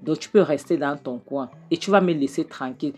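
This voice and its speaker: Low-voiced woman recapping a film. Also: brisk, slightly rough, faint music behind. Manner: animated, keeps adding "hein?" and re-enacts dialogue. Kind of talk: casual spoken film recap.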